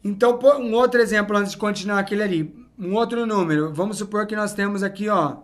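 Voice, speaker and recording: A man's voice: sits high, quick pace. A man teaching a whiteboard lesson, explaining step by step and often saying "então" and "ó". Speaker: English teacher.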